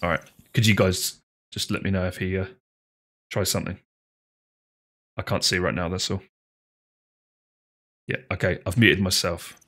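A man's voice: low voice, fairly even intonation, normal speed, long pauses, fairly bright tone. A middle-aged British man from the UK, chatting casually and swearing while he streams a game from home. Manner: chatty, swears a lot, nervous laughs. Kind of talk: casual gameplay chat. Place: home room.

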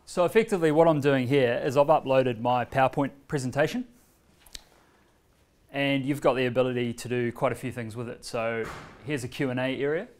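Standing in a bright, medium-sized indoor meeting room with a screen, a relaxed New Zealand man demonstrates a learning tool in an informal workshop, moving between screen and laptop. He talks conversationally with plenty of fillers and pauses. His mid-range voice is recorded from a far camera.

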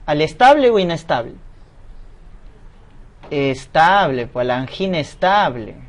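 A man leads a lecture through medical exam questions. He asks a question, pauses, then answers it himself in an explanatory teaching manner. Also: high-pitched.

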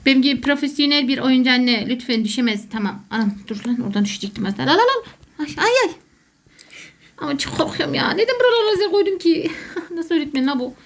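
A woman's voice: sits high, expressive, fast. A woman doing jokey, panicky let's play commentary as a gaming YouTuber who calls herself a gamer mom.

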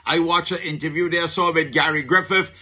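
A man's voice: fairly high pitch, steady tone, fairly quick, sharp tone, husky. A middle-aged man with a Barbadian accent giving chatty comic commentary in a market vendor persona, full of rhetorical questions and dialect asides.

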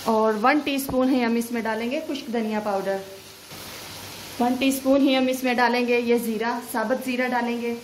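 A Pakistani woman who hosts a cooking channel narrates a recipe in a voice-over, giving steady step-by-step instructions. Her voice is fairly high at a moderate pace, and the low-quality recording is reverberant with slight background noise.

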